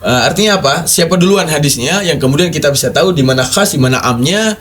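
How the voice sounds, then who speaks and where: A man's voice: fairly high pitch, animated, quick pace, a bit bright. A man giving emphatic religious commentary on a video, repeating words for stress and mocking his opponents.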